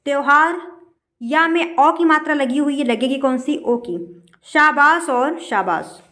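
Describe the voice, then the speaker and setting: A woman teaching a spelling lesson for an exam, going through word after word and dropping her voice when she gives the correct form. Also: a bit bright. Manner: explains each word slowly, lowering her voice on the correct answer.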